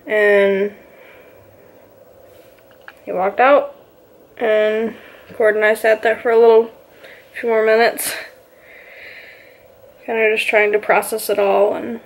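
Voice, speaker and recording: A woman's voice: mid-range voice, vocal fry. A woman vlogger casually telling a personal story, rambling and filling her talk with "you know" and "like".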